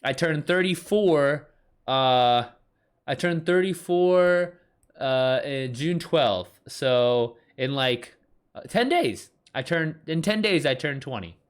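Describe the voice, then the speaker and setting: Over a streaming mic, this thirties author-streamer speaks slowly in a slightly high, clear, resonant voice with lively intonation. His casual live-stream talk is loose and meandering, full of fillers and restarted sentences, and he keeps answering people in the chat.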